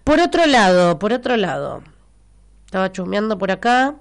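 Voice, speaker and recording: A woman with a Rioplatense Argentine Spanish accent hosts a local radio show, her nose stuffy from a cold. Her medium-pitched voice swings widely in pitch at a normal pace. Chatty and teasing, she reads listener messages live and repeats information for her audience.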